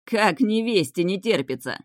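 A woman's voice: fairly low pitch, expressive, moderate pace, no room sound. Brief: woman reading cruel mocking nobleman, ordering people about, dry close reading. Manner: sneering, gloating, barking orders. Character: cruel mocking young dark-haired man, mad laugh.

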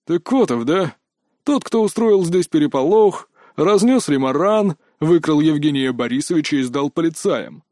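A man doing a gruff, threatening guard. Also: on the high side, lively intonation, moderate pace, warm tone, dry recording, clean studio sound, close to an everyday voice. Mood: menacing. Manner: blunt, threatening, slangy. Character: hostile tough male armed guard, gruff. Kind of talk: audiobook character voice.

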